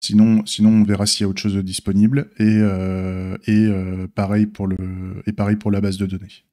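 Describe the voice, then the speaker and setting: With a slight lisp that makes his s sounds slushy, a streamer and software developer offers an informal, unscripted update, hesitating as he thinks aloud. His lowish, mellow voice keeps a level tone at a moderate pace.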